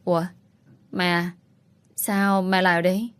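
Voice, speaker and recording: A woman's voice: on the low side, little pitch movement, a little slow, smooth, natural voice. A woman reading an audiobook voices a young wife, just woken, who asks confused questions. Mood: dazed confused.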